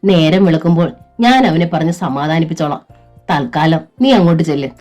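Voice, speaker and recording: A woman's voice: normal speed, darkish tone, faint music behind, close to an everyday voice. A woman voicing a stern, domineering older mother-in-law who scolds and lectures. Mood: scolding. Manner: scolding, shrill.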